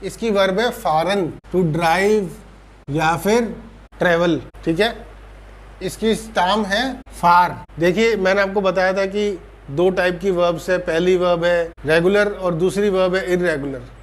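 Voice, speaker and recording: High-pitched Indian man, online German teacher, patient and repetitive, drawls out example words. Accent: Indian Hindi. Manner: patient, repeats and checks with "theek hai?"; slows down to spell out German words. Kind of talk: online grammar lesson.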